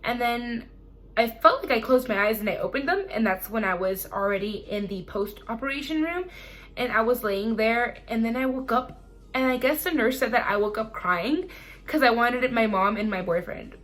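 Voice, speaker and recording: A young woman speaks in a fairly high voice, chatting casually as a vlogger. She talks to viewers like friends, recounting personal experiences in an animated, conversational way. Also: normal speed. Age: young adult. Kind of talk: casual chat to camera, personal Q&A.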